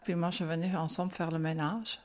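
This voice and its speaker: A woman's voice: fairly low pitch, fairly even intonation, a little fast. An older woman who grew up speaking Swiss German, telling her life story in a chatty way with a Swiss German accent in French. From German-speaking Switzerland. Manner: chatty, frequent "hein" and "euh", laughs often. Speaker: interviewee. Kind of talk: recalled life story in conversation.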